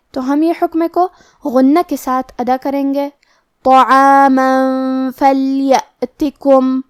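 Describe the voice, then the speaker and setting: A woman teaching the rules of Quran recitation in a scripted lesson, explaining each rule step by step and reciting the words slowly. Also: sits high, darkish tone, dry recording, clean studio sound.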